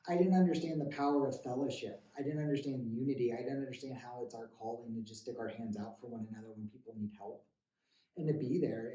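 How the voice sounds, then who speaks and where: A man in his thirties telling his recovery story in an earnest, halting way, often stammering and restarting. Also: mid-range voice, warm tone. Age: 30s. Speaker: guest sharing a recovery story. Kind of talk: emotional personal testimony. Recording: roomy, distant mic.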